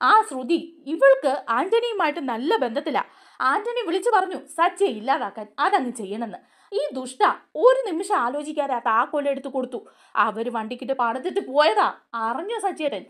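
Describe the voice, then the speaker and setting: Woman doing a pushy young guy calling someone out, lively high voice that jumps around. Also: brisk. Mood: accusing. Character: young man, brash and accusing.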